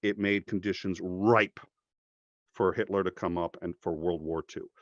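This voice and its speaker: A man's voice: deep voice, steady tone, unhurried, dry recording. A man making a passionate, profane argument in casual conversation, jumping into mocking voices when he quotes people. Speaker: podcast guest. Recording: dry, slightly dull podcast audio.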